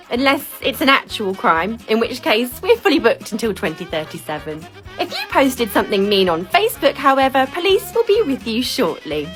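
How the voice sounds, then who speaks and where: A woman's voice: on the high side, fairly bright tone. A woman performing a sarcastic automated phone menu, read in the cadence of a recorded phone message.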